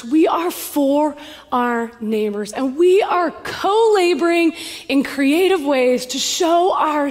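A woman pastor with a high, bright voice tells a story from the pulpit with animated energy. Her voice rings out through a large church hall, and a long reverb trails each phrase. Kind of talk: sermon.

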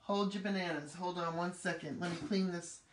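A middle-aged woman leads a live craft demonstration in a craft room with a table, staying chatty and upbeat while she works. Her lowish voice holds a steady tone at a moderate pace. The recording is echoey with noticeable background noise.

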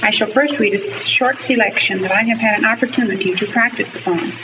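A young woman student reading aloud for a class with careful, measured elocution, played back from an old gramophone disc. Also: mid-range voice. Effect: played from an old 1939 gramophone disc. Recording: noisy, muffled old disc recording from far off.

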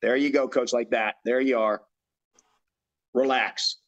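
A man's voice: mid-range voice, steady tone, a little slow. A man coaching a bodybuilder through posing routines, giving directions and repeating his cues. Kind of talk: instructional demonstration.

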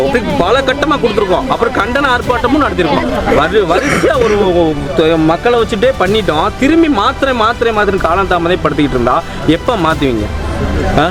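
A man speaking off the cuff as a protester, halting and repeating himself insistently. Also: sits high. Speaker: local protester interviewed. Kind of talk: spontaneous street interview.

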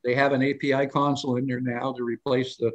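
An older man speaks fast in a mid-range voice with flat delivery as a guest storyteller in casual live interview chat. His long anecdotes ramble, circling back and restarting, and he lifts his voice for quoted lines before dropping back to an easy conversational tone.

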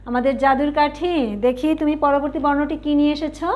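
A woman teaching young children to write and say letters, coaxing them with questions and slow drawn-out fillers, with a Bangladeshi Bengali accent. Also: high-pitched, steady tone, muffled recording. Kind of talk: children's alphabet lesson.

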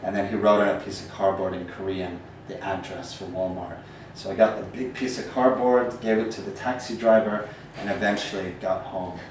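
A man in his thirties from Northern Ireland, speaking with an American accent, is a poet giving a casual storytelling lecture of travel stories, rambling and um-filled, with self-deprecating humor. His voice sits low, with fairly even intonation and a moderate pace. He's in a small indoor gallery room, recorded from far off with echo and faint noise.

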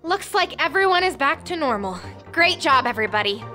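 A woman voicing an excitable, bossy girl toy who leads the gang in a cartoon, emphatic and youthful. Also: high-pitched, a little fast, soft background music. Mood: upbeat. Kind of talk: scripted toy animation voice acting.

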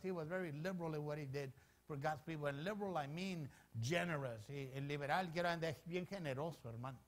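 High-voiced animated bilingual pastor. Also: male voice. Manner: animated, repeats each point in both languages, calls the congregation "hermano". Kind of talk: bilingual sermon, switching between English and Spanish. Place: church.

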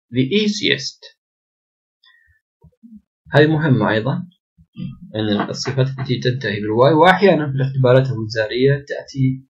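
Husky-voiced man teaching grammar. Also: mid-range voice. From Yemen. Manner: reads English sentences very slowly, explains quickly. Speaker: English teacher. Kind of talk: grammar lesson explained in Arabic with slow English examples. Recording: dull lo-fi recording.

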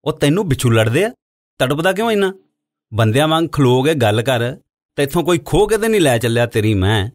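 A man's voice: mid-range voice, very animated, brisk. A man voicing a scornful, needling male cattle dealer in an audiobook. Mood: mocking.

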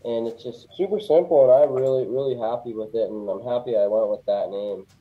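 A man guest talking casually in an interview, plainspoken and relaxed, with a lot of "you know". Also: medium pitch, a little fast. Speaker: guest, custom fishing rod builder. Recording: tinny phone-like line.

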